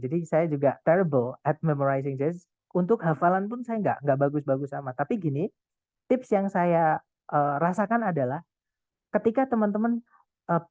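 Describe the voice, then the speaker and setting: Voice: medium pitch, no echo. A tutor giving a casual, encouraging online lesson, with many fillers and English phrases mixed in. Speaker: English test prep tutor. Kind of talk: online class lecture. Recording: tinny phone-like, dry sound.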